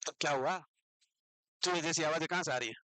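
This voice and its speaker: A man lectures a class in a high, bright voice, asking questions and repeating the answers. He scolds students who talk in class. The sound is dry and close. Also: a little fast, no room sound, rough recording. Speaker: teacher.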